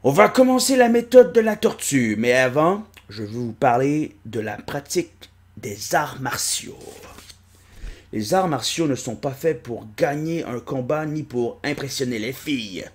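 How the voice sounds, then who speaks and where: A man's voice: mid-range voice, animated, measured pace, lightly acted. A man reading an audiobook and voicing an old, bossy martial arts master who lectures and barks orders. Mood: commanding.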